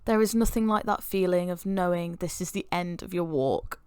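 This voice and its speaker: A woman from the UK calmly narrating her hike afterwards in a relaxed, reflective voice-over. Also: fairly low pitch, moderate pace, clean tone. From United Kingdom. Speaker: hiking vlogger.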